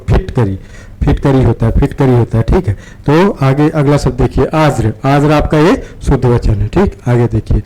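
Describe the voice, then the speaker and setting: Guy with a slightly high voice going through exam questions, repeats stuff a lot, keeps saying theek hai. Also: a little mellow, poor audio. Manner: repeats words, frequent "theek hai" checks. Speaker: exam-prep teacher. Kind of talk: explaining practice questions.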